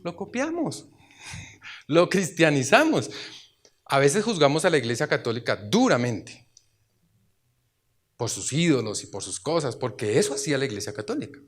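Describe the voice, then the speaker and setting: A man preaching a sermon in church, chatting with the congregation, asking rhetorical questions and breaking into loud exclamations. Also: on the high side, sing-song, normal speed, long pauses.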